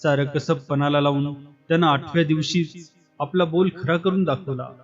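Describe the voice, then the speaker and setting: A man narrates a literary story in a steady, expressive reading voice that sits fairly high for a man. The recording is dull and lo-fi, with faint music playing under him. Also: normal speed.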